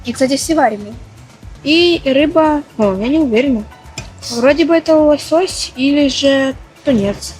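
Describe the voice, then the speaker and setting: A woman's voice: sits high, moderate pace, darkish tone, rough recording. A woman casually commenting on camera about the food in front of her, thinking aloud and hesitating as she goes. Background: faint music.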